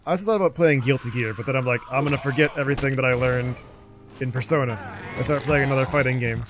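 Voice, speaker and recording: A man's voice: medium pitch, fast talker, background noise. A man streaming a game live, rambling in casual commentary and talking back at the game and his chat.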